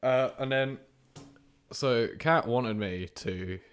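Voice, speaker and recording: A man's voice: mid-range voice, takes it slowly, clean tone. A young man co-hosting a podcast, telling a long story in casual chat, often restarting and laughing. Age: young adult. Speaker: podcast co-host.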